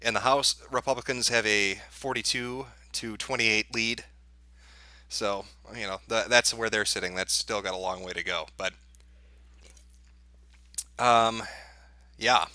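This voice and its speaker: A man's voice: fairly low pitch, fairly even intonation, measured pace, pauses often, sharp tone, dry recording. A man hosting a livestream as an off-the-cuff election night analyst, thinking aloud as he reads out results in casual live commentary. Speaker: livestream host.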